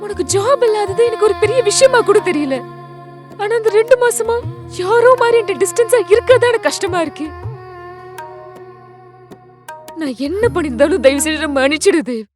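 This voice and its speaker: A high-voiced young wife, played by an actress in a short film, pouring out anger and then pleading apologies. Her speech runs urgent and heartfelt. Soft music sits under her lines. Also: animated, normal speed, pauses often. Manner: emotional, pleading.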